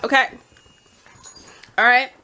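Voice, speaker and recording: A woman's voice: takes it slowly, pushed and bright. Emotional young woman venting in a vlog. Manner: emotional, tearful, rambling with restarts. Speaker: vlogger. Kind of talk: casual confessional vlog.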